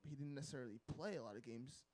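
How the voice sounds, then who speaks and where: A man co-hosting a podcast in casual chat, animated and laughing, cursing and trailing off mid-sentence. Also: medium pitch, very fast. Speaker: podcast co-host.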